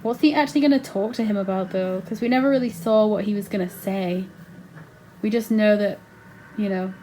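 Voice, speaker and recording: A woman reacting to a show in casual commentary, excitable and full of slang and swearing. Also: medium pitch, brisk, slight background noise. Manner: excitable, exclaiming, slangy and profane. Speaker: reaction video host.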